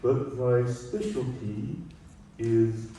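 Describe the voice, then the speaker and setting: A man's voice: mid-range voice, dark tone, slight background noise. A man voicing a cheeky young male frog puppet who drags out his words playfully. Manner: slow, drawn-out, playful. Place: large temple hall. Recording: echoey hall from far off.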